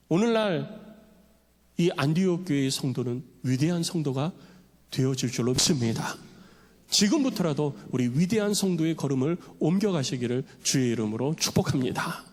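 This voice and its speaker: Animated preaching man in a reverberant hall. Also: fairly high pitch. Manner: animated preaching, acts out quoted voices. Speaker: pastor. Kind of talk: sermon. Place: church sanctuary. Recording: long church hall reverb.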